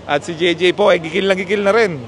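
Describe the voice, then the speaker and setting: A man hosting a casual outdoor chat, telling a story in an animated, chatty way. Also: high-pitched, fast, a little hiss or hum. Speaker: motorcycle club host.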